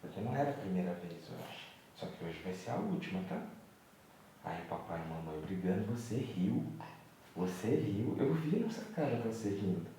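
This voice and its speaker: A young man talks gently to his baby son late at night, coaxing and moralizing in a low, mellow voice. He is recorded at home on a camera mic set some distance away, so his voice sounds thin and far off. The room adds a heavy echo, with a faint hum of room noise underneath. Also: lively intonation, moderate pace. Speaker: vlogger and father.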